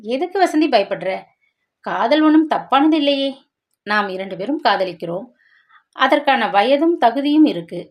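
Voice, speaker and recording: An earnest young fiancé, voiced by a woman narrator, talking in a reassuring tone. The voice sits fairly high, as in a spoken family drama. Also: animated, normal speed, pauses often, close to an everyday voice. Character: young adult man, eager fiancé, a teacher. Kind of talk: dramatic storytelling.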